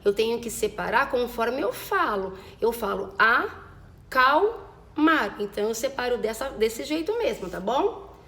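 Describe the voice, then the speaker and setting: Brief: higher-voiced female teacher, slow careful dictation for kids, echoey room. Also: sing-song. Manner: slow, over-enunciated dictation of words; affectionate diminutives and frequent check-ins. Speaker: primary school teacher. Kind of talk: recorded remote lesson for children.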